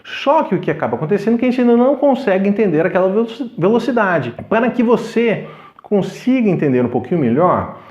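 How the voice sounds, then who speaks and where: A man with a Brazilian Portuguese accent teaching English pronunciation, explaining clearly and slowing down to model the sounds. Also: sits high, a little mellow, lo-fi sound. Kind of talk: scripted lesson.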